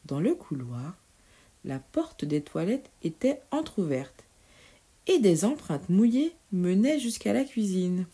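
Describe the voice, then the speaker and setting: A woman reading a children's story aloud, slow and unhurried with a lively, rising-and-falling voice and a warm, dark tone. She sounds playful and expressive. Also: medium pitch, husky.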